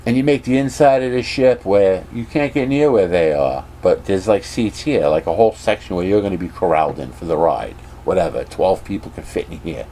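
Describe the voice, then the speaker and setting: Man, casual rant, rambling, opinionated, lowish voice, faint background hiss. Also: brisk, hardly any pauses, mellow. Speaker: vlogger.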